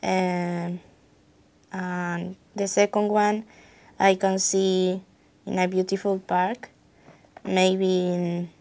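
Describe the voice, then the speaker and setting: A woman from Argentina, giving halting, simply phrased answers in a spoken English exam. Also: lowish voice, little pitch movement, a little mellow. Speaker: exam candidate.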